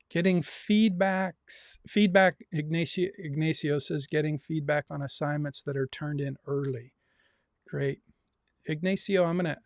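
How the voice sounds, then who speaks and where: A man's voice: on the high side, creaky, darkish tone, no echo, clean studio sound. A man teaching a livestreamed university class, reading out students' comments and coaxing more answers. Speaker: university professor.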